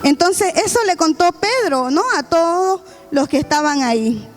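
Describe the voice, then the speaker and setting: A woman's voice: sits high, lively intonation, normal speed. A woman preaching a sermon, retelling a scripture story with acted-out quotes and calls to the congregation. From Bolivia. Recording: faint music behind.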